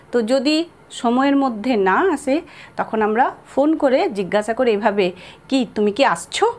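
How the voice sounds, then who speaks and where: In a spoken English lesson, a woman with a high voice and a Bengali accent goes slowly through example sentences again and again, spelling each word out letter by letter.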